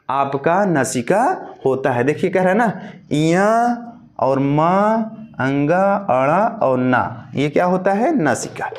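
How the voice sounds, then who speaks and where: A male teacher giving a lesson, addressing students directly and chanting memory verses slowly, each line twice. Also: on the high side. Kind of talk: classroom lesson.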